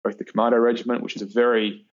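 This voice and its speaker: A man's voice: medium pitch, little pitch movement, racing, muffled recording. A man in his forties with an Australian accent, a guest talking casually and emphatically in an interview. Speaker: podcast guest, reliability engineer with PhD.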